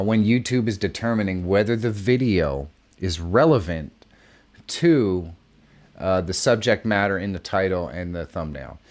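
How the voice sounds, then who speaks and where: A man hosts a casual live stream, talking straight to his viewers and reading out their messages. His voice sits on the low side but leaps up and down with lively bursts of exclamation. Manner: animated, bursts of exclamations, reads chat aloud. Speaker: host of a live creator hangout.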